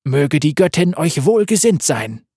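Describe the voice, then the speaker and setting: A man's voice: on the high side, big pitch swings, measured pace, a little mellow, slightly rough, no room sound, studio quality, exaggerated voice. A man reading a story aloud, voicing a dutiful male soldier who calls out urgently. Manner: urgent, calling out.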